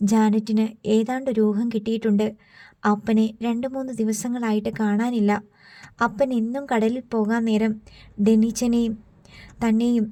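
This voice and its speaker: Woman, audiobook narrator, measured storytelling, fairly high voice, flat delivery.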